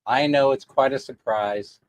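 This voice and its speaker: A man's voice: medium pitch, unhurried. A man hosting a casual livestream in a throaty, congested voice, sounding sick with a sore throat, with a jokey, self-deprecating way of talking. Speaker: livestream host.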